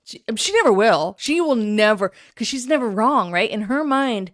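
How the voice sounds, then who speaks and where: A woman's voice: a little high, lively intonation, moderate pace. A woman hosting a reaction video, commenting critically and sarcastically on a livestream clip.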